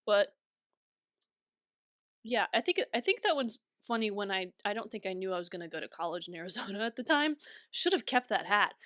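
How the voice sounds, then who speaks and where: A woman's voice: mid-range voice, very animated, fairly quick, fairly bright tone, dry recording, studio quality. A young woman co-hosting a podcast, chatting casually and laughing through her own stories. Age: young adult. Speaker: podcast co-host.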